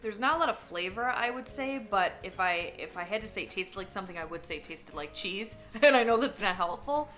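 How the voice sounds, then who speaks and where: A woman's voice: medium pitch, a little fast, hardly any pauses, pushed and bright, faint music behind. A woman chatting casually while tasting food for a vlog, candid and talkative, sometimes talking with her mouth full. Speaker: vlogger. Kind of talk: casual taste-test vlog.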